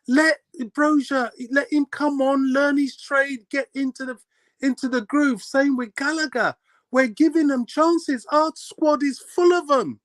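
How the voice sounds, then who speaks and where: A man's voice: very high-pitched, fairly even intonation, a little slow, fairly bright tone, no echo. A man co-hosting a football fan show, ranting passionately in casual chat. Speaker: co-host.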